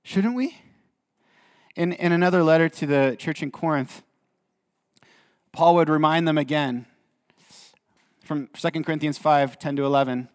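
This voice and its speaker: A man's voice: a little high, normal speed, long pauses, darkish tone. A man preaching a sermon as a pastor, earnest, often repeating words as he goes. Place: church hall. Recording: reverberant church hall.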